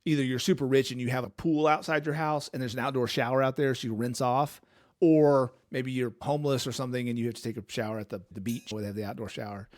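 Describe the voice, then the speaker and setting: A man with a steady, medium-pitched voice talks fast as he hosts a casual movie trivia game with his brother. Playful throughout, he quotes lines in put-on voices while chatting and running the quiz.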